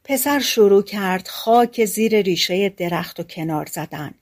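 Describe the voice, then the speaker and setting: A woman narrating a fairy-tale audiobook in a calm, colloquial storytelling manner. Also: mid-range voice, slightly rough.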